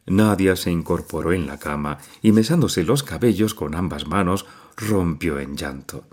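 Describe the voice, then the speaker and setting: A man reads a novel aloud as an audiobook narrator. His voice sits low, yet it rises and falls widely for dramatic effect. The delivery is expressive and measured.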